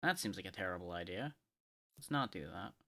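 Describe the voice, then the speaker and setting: A man streaming live gameplay, talking through his choices with playful, excitable, mock-boastful trash talk. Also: sits low, a little fast, gravelly.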